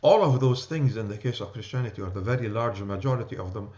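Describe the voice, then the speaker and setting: A man's voice: lowish voice, fast, warm tone, muffled recording. A man with a New York accent teaching an adult church class, talking loosely and checking in with "okay?" and "right?". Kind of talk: church class lecture with discussion.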